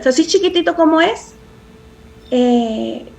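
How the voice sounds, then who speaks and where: A woman's voice: high-pitched, expressive, takes it slowly, creaky, darkish tone. A woman speaking as a parenting expert in a podcast interview, earnest and reflective, often restarting phrases and adding tag questions.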